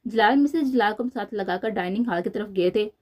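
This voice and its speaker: A woman narrating a romance novel aloud in a steady, even storytelling manner. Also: mid-range voice, a little fast.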